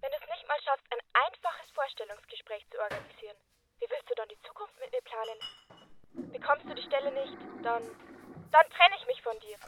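A woman's voice: sits high, big pitch swings, brisk, fairly bright tone, slight background noise, poor audio. A woman playing an exasperated, reproachful girlfriend in a comedy sketch, scolding her boyfriend.

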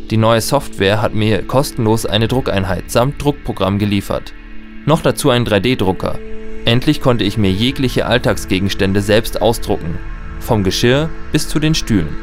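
A man's voice: fairly low pitch, close to an everyday voice. An actor playing a nostalgic male tenant who narrates his own story in a reflective way and distrusts new technology. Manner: reflective when narrating, panicked when shouting. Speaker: narrator and lead character. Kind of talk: radio play narration.

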